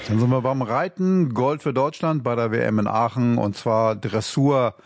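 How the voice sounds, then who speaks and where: A man presenting the sports news on radio with brisk, matter-of-fact links. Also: medium pitch, vocal fry.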